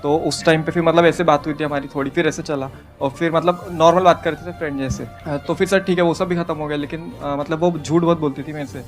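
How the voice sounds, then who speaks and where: A man's voice: fairly high pitch, fairly even intonation, quick pace, hardly any pauses, faint music behind. A man in his twenties telling his own story to a speaker. He hesitates and falls into fillers and restarts. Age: 20s. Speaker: audience member asking for advice. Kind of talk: hesitant personal account.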